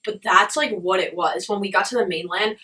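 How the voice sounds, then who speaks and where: A young woman casually telling a story in a puzzled, rambling way, as if piecing together a dream, with animated quoted asides. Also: medium pitch, fairly quick, recorded from a distance, faint music behind. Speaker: vlogger recounting a dream.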